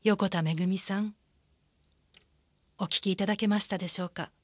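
A woman announcer reading a scripted broadcast in a formal, measured way. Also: medium pitch, steady tone, dry recording, clean studio sound.

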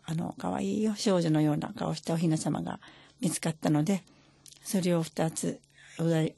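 An older woman speaking a recorded personal message as a mother, gentle and halting, pausing often. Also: fairly low pitch, gravelly, husky, dry recording. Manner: gentle, halting, many pauses and fillers.

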